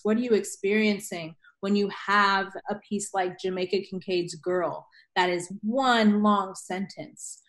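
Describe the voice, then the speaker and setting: Emphatic woman teacher on a podcast. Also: medium pitch. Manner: emphatic, rhetorical questions, frequent "right?". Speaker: writing teacher. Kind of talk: podcast conversation.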